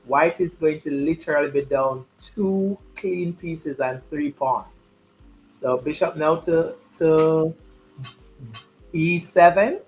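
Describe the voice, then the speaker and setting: A man's voice: a little high, slow pace, rough recording. A man giving live chess commentary and chatting, repeating his key points for emphasis.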